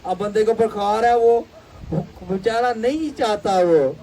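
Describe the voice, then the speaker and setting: A man teaching a Bible class, animated and storytelling, mixing English phrases into his talk. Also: high voice, far from the mic, a little hiss or hum, rough recording. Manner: animated, acts out voices in anecdotes; mixes English phrases into Urdu.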